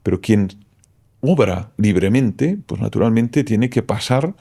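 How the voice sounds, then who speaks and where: A philosopher whose first language is Catalan speaks as an interview guest, reflective and explanatory, with a low, mellow, dark voice carrying a gravelly fry. He is expressive and unhurried, and he keeps adding a questioning "¿no?" to check in.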